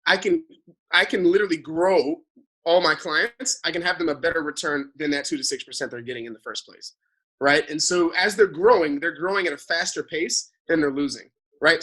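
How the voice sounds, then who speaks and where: Bright-voiced male financial advisor. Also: fairly high pitch, brisk, husky. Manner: animated, talks in long explanatory runs with frequent "right?" tag questions. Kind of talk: explaining finances in casual conversation.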